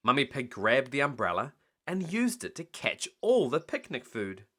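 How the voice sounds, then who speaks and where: Slowly and with plenty of feeling, a man reads a picture book aloud at bedtime, his pitch bouncing around vividly.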